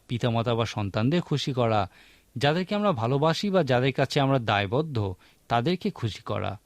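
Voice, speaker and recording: A man's voice: medium pitch, dry recording. A man preaching a sermon in an earnest teaching manner, asking rhetorical questions.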